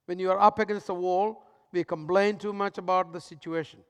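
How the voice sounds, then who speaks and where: A man preaching a sermon as pastor, swinging between loud emphatic lines and hushed, soft ones. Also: high voice, fairly even intonation, fairly quick, smooth, big-room sound.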